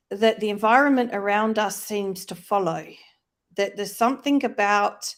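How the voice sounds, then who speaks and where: A woman co-hosting a live online discussion, speaking in a reflective, explanatory, conversational way. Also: mid-range voice. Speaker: co-host of a live faith-based wellness discussion. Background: plane passing loudly overhead.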